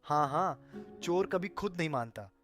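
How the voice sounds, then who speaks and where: A man's voice: fairly high pitch, lively intonation, unhurried, fairly bright tone, faint music behind. A man voicing a dim-witted young brother in a cartoon story who makes silly, mock-serious remarks.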